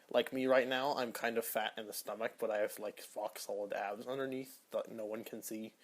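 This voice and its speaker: Young male podcast host, casual and offhand, rambling solo chat, trailing delivery. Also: on the low side. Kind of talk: casual solo commentary answering search suggestions.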